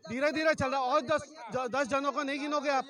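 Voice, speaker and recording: A man answering in a street interview, calmly insisting on his point. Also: extremely high pitch, a little fast.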